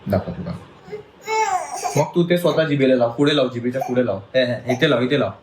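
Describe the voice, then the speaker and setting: A man speaking in a casual home vlog, a father gently coaxing and soothing his young daughter indoors. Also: medium pitch, expressive, fairly quick, background noise. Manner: coaxing and soothing toward a child. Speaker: father and family vlogger.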